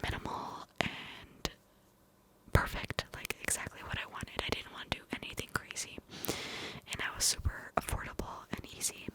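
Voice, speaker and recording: A woman tells a personal story in ASMR style, in a breathy, intimate cupped-hand whisper with a rambling, hesitant delivery. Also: moderate pace, rough recording. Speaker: ASMR video creator.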